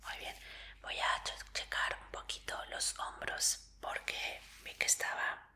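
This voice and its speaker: A woman whispers breathily in an ASMR medical roleplay, playing an examiner who speaks politely and reassuringly. Her unhurried voice comes across pushed and bright.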